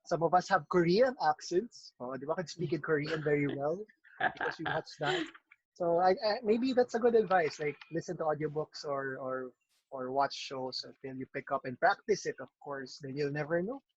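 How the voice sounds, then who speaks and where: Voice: medium pitch, moderate pace, breathy edge, highs cut off. A host reading audience questions and teasing playfully on a video call, mixing in Tagalog phrases. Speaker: host and moderator.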